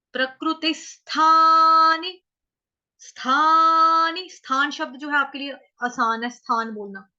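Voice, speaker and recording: A woman teaching chanting pronunciation, who chants each word slowly and drawn out, then explains it in quick, chatty speech. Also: high-pitched, sharp tone. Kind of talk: step-by-step pronunciation lesson. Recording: slightly dull lo-fi audio.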